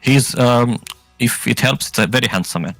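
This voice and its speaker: A man's voice: medium pitch, moderate pace, a bit bright, dry recording, soft background music. A man narrating a tabletop role-playing game as game master, improvising and often searching for his words.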